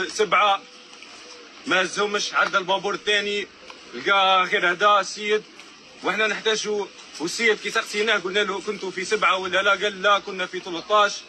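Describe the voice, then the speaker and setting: An Algerian man giving a public statement as a families' spokesman, arguing haltingly and mixing in French words. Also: high voice, pushed and bright, slight background noise. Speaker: spokesman for families of missing migrants.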